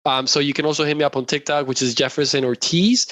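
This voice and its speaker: A man's voice: fairly high pitch, steady tone, quick pace, fairly bright tone, no echo. Upbeat chatty young man from Colombia. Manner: upbeat, chatty, laughs often. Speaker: guest, real estate investor. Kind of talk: casual interview chat.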